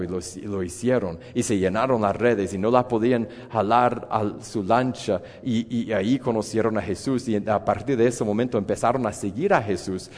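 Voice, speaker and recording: A man's voice: mid-range voice, a little mellow. A man preaching a sermon, retelling a Bible story with many restarts and repeated words and putting questions to the listeners. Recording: long hall reverb.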